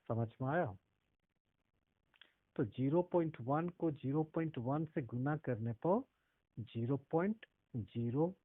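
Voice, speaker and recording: A man's voice: medium pitch, no echo. A male math teacher explaining decimal multiplication step by step, often stopping to ask if students understood. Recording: tinny phone-like audio.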